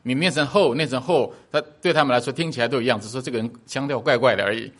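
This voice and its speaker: A man of middle pitch teaches a church congregation in a loose, chatty way. He drops fillers and short laughs as he explains. He slows down sharply to spell out foreign words syllable by syllable. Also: a bit bright. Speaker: preacher teaching a Hebrew song.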